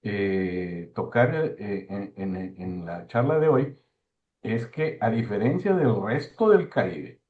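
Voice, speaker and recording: A man giving an informal talk, halting and repeating words for emphasis. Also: fairly low pitch, expressive. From Mexico. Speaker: speaker giving a talk on postal history. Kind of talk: informal lecture discussion. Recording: thin phone-like online call audio.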